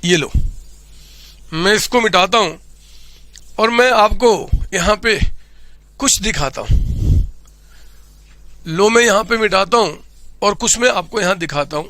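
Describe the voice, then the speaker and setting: A man lecturing on accounting with a high, gravelly voice that has a bright edge. He jokes and boasts, keeps checking that his students follow, and is recorded close and dry. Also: dry recording. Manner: playful, boastful teacher who keeps checking the class understands. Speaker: accounting teacher. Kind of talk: humorous classroom lecture.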